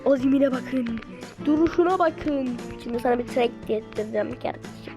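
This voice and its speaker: Woman game-video host, high and bubbly, talking straight to viewers over loud background music. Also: fast talker. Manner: chatty and excitable, keeps addressing viewers. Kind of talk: casual game commentary to viewers.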